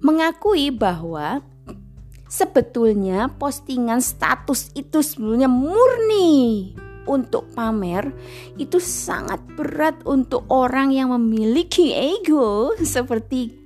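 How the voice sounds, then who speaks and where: A middle-aged woman, giving a self-mocking, animated confessional monologue about her own experiences. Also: high voice, takes it slowly, soft background music. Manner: self-mocking, animated, mimics other people's voices. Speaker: speaker sharing personal experience.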